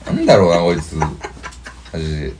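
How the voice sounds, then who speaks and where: Low-voiced man, Kansai accent, blunt and grumbly, wildly swinging pitch, faint hiss. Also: huge pitch swings, moderate pace. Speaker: podcast co-host. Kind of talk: casual chat.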